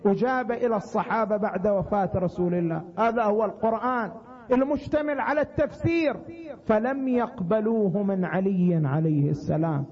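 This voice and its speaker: A man. He presses his points with emphasis and sinks into a low chanting tone for scripture. The recording sounds dull and lo-fi. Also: a little fast. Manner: emphatic, drops into low chanting recitation for quotations. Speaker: preacher. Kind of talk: religious sermon.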